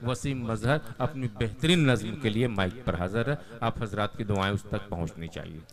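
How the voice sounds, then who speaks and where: A man's voice: fairly low pitch, normal speed. A man as compere makes formal, declamatory announcements on a stage microphone, addressing the audience directly. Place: stage at a live poetry gathering. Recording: live event with audible crowd.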